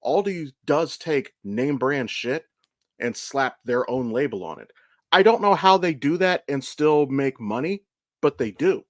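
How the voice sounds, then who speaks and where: An expressive, unhurried mid-range voice comes from an American podcast co-host, possibly in his thirties. His chat rambles casually, sweary and informal, with frequent stops to correct himself. The recording is dry and clean, studio quality.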